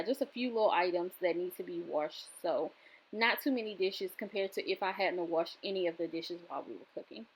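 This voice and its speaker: A young woman vlogger chats casually to her viewers in a home kitchen, talking them through the cooking with lots of fillers. Her voice is medium-pitched, and the recording quality is low.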